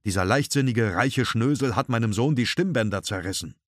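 A man's voice: mid-range voice, lively intonation, fairly quick, no room sound, clean studio sound, voice pushed up, close to an everyday voice. Man doing a bitter scornful mother. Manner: sharp, mocking, raised voice. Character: bitter angry mother, middle-aged woman.

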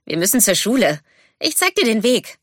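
A cheerful, outgoing merboy from a children's storybook chatters away in a high, bright voice, as a woman reading aloud puts him on. He sounds lively and eager to make friends. The sound is close and dry. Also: moderate pace, no echo. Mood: friendly.

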